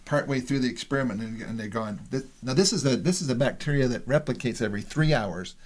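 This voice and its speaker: Male podcast host, mid-pitched, casual, stammers and restarts often. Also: fast.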